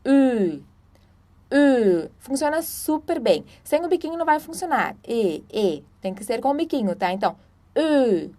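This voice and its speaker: Woman, German teacher, online lesson, patient and explanatory, slightly high voice. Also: lively intonation, darkish tone. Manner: patient, explanatory, frequent "tá?" and "então"; slow, drawn-out model pronunciations.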